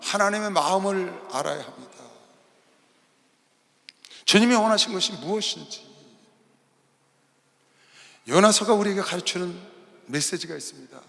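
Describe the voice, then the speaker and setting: A male pastor preaching a sermon, dramatic and swinging between loud bursts and quiet asides, in a large arena hall. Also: high voice, moderate pace, vocal fry, long pauses. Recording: long arena hall reverb.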